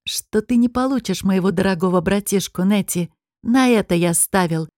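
A woman voicing a sneering, smug male high demon nobleman in an audiobook, with a mocking, taunting drawl. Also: normal speed, darkish tone, no echo, clean studio sound, lightly acted. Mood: gloating. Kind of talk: audiobook character reading.

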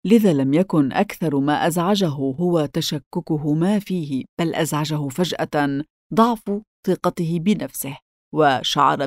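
A woman narrating a children's storybook in a steady, expressive way. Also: low voice, dry recording, clean studio sound. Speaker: audiobook narrator.

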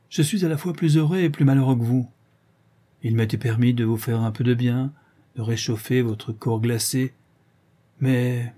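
A man reading aloud and voicing an earnest, lovesick young gentleman who speaks with passion. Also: medium pitch, husky, natural voice.

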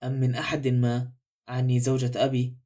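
A man's voice: medium pitch, monotone, quick pace, warm tone, natural voice. An anxious young woman pressing for answers about a fear in her family's past, as a male reader speaks her lines in his own voice. She asks question after question. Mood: uneasy. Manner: probing questions.

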